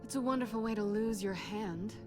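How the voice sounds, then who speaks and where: A woman's voice: medium pitch, brisk, over music, lightly acted. An actress playing a cautious, sensible woman with a wry, cautioning manner in a video game.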